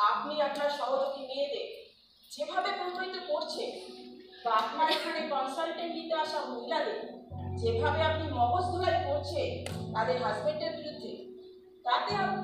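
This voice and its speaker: A woman's voice: high-pitched, lightly acted. A woman acting on stage as a firm female police officer who lectures and admonishes, slipping English phrases into her talk. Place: large hall stage. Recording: echoey hall, distant mic, music behind.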